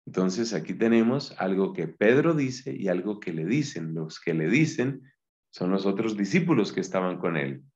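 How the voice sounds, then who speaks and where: A man's voice: sits low, animated, moderate pace, darkish tone. A man, a Dominican friar, giving a Bible Greek lesson and explaining each word patiently. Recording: dull lo-fi sound.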